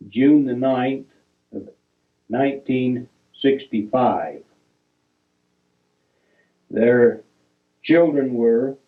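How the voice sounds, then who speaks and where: An older man slowly reminiscing over old family photos, reading out names and dates in halting fragments and correcting himself as he goes. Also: medium pitch. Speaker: family storyteller. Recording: tinny, phone-like recording.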